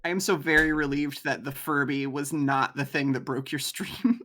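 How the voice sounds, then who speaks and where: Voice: mid-range voice, fairly even intonation, normal speed, bright, forceful tone, a little hiss or hum. A co-streamer in casual chat while gaming, rambling through long thoughts with fillers, restarts and casual swearing. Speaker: co-streamer, guest.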